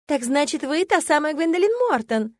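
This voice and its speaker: Woman voicing excitable young noblewomen, audiobook, high chirpy gushing, dry close sound. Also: moderate pace, no echo. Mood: eager. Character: gushing young noblewomen, eager fan club.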